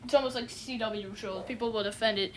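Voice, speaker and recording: Her voice is a little high and a bit bright, with fairly even intonation and a brisk pace, plus a little hiss or hum. An online reviewer, she gives a casual, rambling, unimpressed review, full of fillers and constant "you know what I'm saying."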